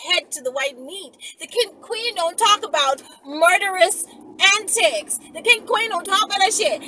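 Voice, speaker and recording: Talking to her viewers in a loose, rambling way, this woman, a video channel host, is blunt, slangy and animated, frequently going off on tangents in a high-pitched voice. The noisy recording comes from a phone on a holder outdoors, with houses nearby and cars going by.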